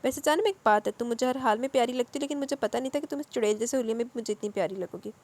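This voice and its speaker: A woman's voice: a little high, racing, a little mellow, lightly acted. A woman voicing a possessive young husband who is affectionate and playful. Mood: teasing.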